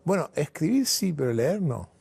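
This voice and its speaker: Brief: man playing a joking old grandfather, deadpan and sly, gravelly voice. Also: a little high, normal speed, no echo, voice pushed up, exaggerated voice.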